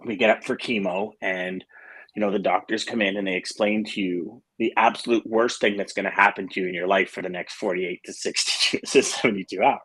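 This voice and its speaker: A man's voice: on the low side, steady tone, a little fast, fairly bright tone, slightly rough. A middle-aged man hosting a casual morning show, talking in a rambling way with restarts and fillers. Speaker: host.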